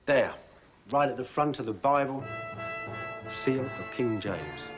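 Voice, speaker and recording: A middle-aged man presenting a documentary in a lively storytelling way with wry asides. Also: medium pitch, slow, music in the background.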